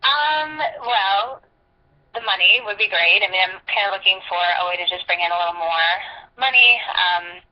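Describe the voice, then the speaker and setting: A woman's voice: mid-range voice, normal speed. A woman on a phone call, talking casually and hesitantly, thinking aloud with lots of fillers. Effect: heard over a phone line. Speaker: prospective recruit on a sales call. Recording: muffled, dull phone audio.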